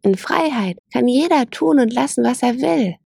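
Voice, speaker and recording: A woman's voice: high voice, animated, normal speed, creaky, mellow, slightly rough, no echo, studio quality, pitched above the performer's own voice, exaggerated voice. A woman voicing a curious young male lion in a storybook reading, speaking earnestly in a raised voice. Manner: earnest, open questions.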